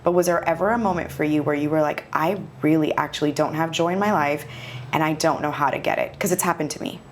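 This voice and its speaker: A woman's voice: low voice, fast talker, slight background noise. A woman in her forties hosting a podcast, asking casual, curious questions in a conversational interview. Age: 40s. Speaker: podcast host.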